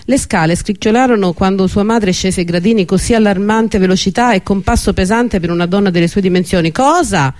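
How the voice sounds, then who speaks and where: High-voiced man reading an audiobook. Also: fairly quick, few pauses, a little mellow. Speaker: narrator. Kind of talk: audiobook narration.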